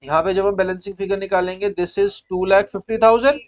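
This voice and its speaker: A man with an Indian accent gives an accounting lesson, often quizzing the class and saying key points twice. His voice sits high for a man. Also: steady tone, moderate pace. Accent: Indian English. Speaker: accounts teacher. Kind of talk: classroom-style lecture.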